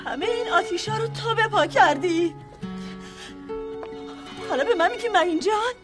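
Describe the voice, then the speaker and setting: A sobbing, shouting desperate mother. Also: very high-pitched, animated. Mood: accusing. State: crying. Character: distraught mother of a missing girl. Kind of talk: television drama acting. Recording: music score underneath.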